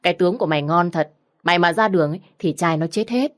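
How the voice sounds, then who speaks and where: A woman voicing a pushy, cheerful young female friend who wheedles and bosses loudly in a storybook reading. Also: on the low side, quick pace, natural voice. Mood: teasing. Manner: wheedling, bossy, loud.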